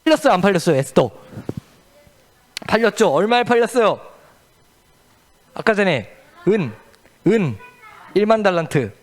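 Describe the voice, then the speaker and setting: A man's voice: sits high, moderate pace, pauses often. A man telling a Bible story at a children's church service, quizzing the kids with questions. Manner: asks the children questions, lively and playful.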